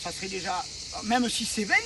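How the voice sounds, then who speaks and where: Man, coach, explanatory, checks understanding, gravelly voice, distant mic, outdoor crickets. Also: high voice, fairly quick, noisy background. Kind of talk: explaining sports physiology to trainees.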